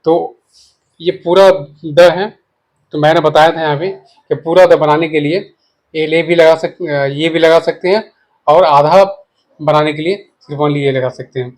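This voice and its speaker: A man's voice: on the high side, fairly even intonation, a little slow, darkish tone. A man teaching an English spelling lesson in a patient, repetitive way, often checking that listeners follow as he writes and explains. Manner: explains while writing. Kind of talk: casual spoken lesson.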